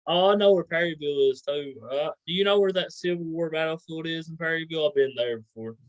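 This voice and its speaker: A man's voice: on the high side, quick pace, no room sound. Muffled, dry-sounding man interviewing. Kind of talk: casual chat.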